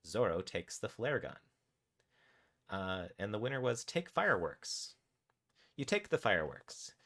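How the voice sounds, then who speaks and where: A man's voice: fairly low pitch, very animated, measured pace, pushed and bright. A man streaming live, reading his interactive fiction story aloud in a laid-back way, with casual asides about the poll results. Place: home streaming setup.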